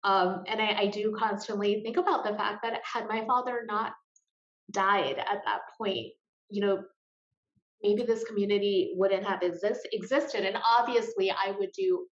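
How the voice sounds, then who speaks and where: A woman speaking earnestly and emotionally as a guest in an interview, with pauses and repeated words. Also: medium pitch. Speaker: guest, grief support group founder. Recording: roomy, dull lo-fi sound.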